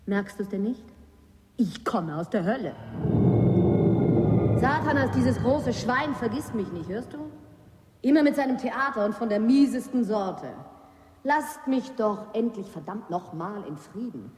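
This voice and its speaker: An actress playing a bitter, diseased nun who mocks and rants with open scorn. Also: female voice, on the high side, lively intonation, measured pace, a little mellow. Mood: scornful. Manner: scornful, mocking, bursting into rants. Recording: echoey hall with long reverb.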